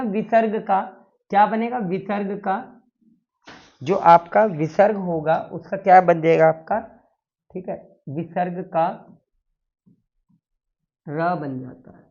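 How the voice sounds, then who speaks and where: A man's voice: high voice, takes it slowly, creaky, pauses often, a little mellow, muffled recording. A man teaching a Sanskrit grammar lesson, drilling the class with repeated questions and answers.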